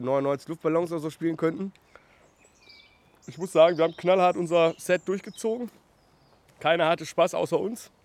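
A man, a guest telling long, rambling anecdotes in casual chat, full of fillers and tag questions. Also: fairly high pitch. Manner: rambling storyteller with many fillers and "ne?". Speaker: guest, food truck and restaurant owner.

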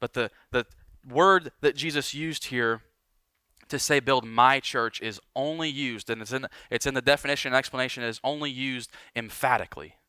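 A man preaching a sermon as pastor, emphatic and building, then dropping to quiet lines for weight. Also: mid-range voice, brisk, clear, resonant tone, no room sound, studio quality.

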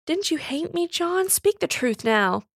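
Woman as a weepy young servant woman, high and pleading, gravelly edge, dry read. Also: sing-song, unhurried, dry recording, full character voice. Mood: confessing. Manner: pleading, emotional, rustic dialect. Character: young working-class woman, tearful and ashamed.

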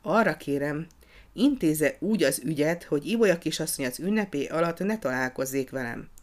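A storyteller voicing an earnest female schoolteacher who speaks quietly and confidingly. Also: mid-range voice, animated, close to an everyday voice.

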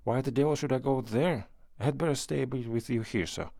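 A man's voice: mid-range voice, fairly quick, gravelly, warm tone, no echo, clean studio sound, voice pushed up. A man reading the part of a sly, menacing thief who poses as a pilgrim, mocking and threatening in turn.

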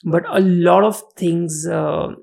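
A man with an Indian accent hosting a casual interview, creaky-voiced, talking in a hesitant, rambling way full of hedges. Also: fairly high pitch, steady tone, slow pace, darkish tone. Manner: hesitant, rambling, hedging, with some Hindi mixed in. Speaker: podcast host.

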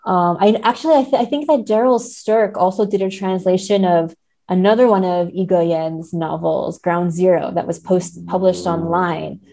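A woman appears as a podcast guest, a literary translator, talking about books casually and thoughtfully with tentative, hedged phrasing. Her voice is lowish and dark in tone, steady, at a moderate pace.

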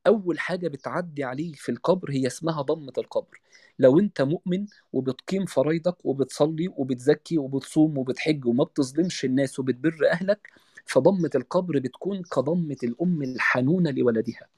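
Egyptian male lecturer, brisk delivery, dry close sound, recites then explains in plain words. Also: on the high side, a little mellow, slightly rough, dry recording. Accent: Egyptian Arabic. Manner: recites scripture, then explains it in casual everyday speech. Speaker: religious lecturer. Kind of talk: religious lecture.

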